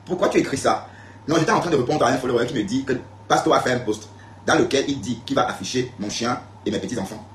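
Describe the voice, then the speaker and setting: Fast-talking man on an echoey live stream. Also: mid-range voice, a little hiss or hum. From Cameroon. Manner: emphatic, repetitive, addresses viewers directly. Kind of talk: casual live-stream talk replying to comments. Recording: echoey room, faint background ambience.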